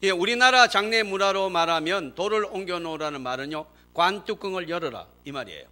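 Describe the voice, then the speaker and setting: High bright-voiced male preacher. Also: fast. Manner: animated preaching, swelling to emphatic declarations; acts out quoted speech in dramatic voices. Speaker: pastor. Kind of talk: sermon. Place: church.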